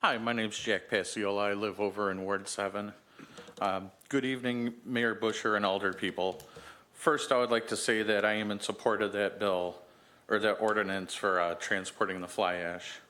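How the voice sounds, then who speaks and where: A man giving a pointed public comment at a city council meeting, reading deliberate prepared remarks. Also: lowish voice, steady tone, pushed and bright.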